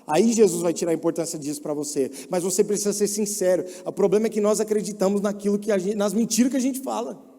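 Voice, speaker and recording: Young male preacher, high mellow voice, long hall echo. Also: quick pace. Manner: shifts from soft and low to loud mock voices. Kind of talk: sermon.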